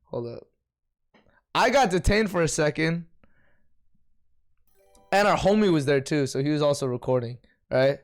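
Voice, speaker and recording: Young dude streaming, high pitched, cussing a lot, animated casual storytelling. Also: male voice, moderate pace, long pauses, soft background music. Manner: slangy, profane, animated storytelling. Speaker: livestreamer. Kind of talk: casual livestream chat reading viewer comments.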